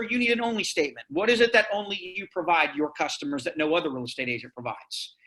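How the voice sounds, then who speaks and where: A man presenting a sales webinar, talking in a direct, energetic and persuasive way. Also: high-pitched. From Florida, US.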